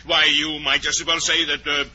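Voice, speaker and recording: Piercing, fussy mad Hatter. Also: male voice, fairly high pitch, normal speed. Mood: blunt, eccentric. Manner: theatrical, blustering, excitable. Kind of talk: 1940s radio drama acting. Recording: muffled old 1940s radio recording.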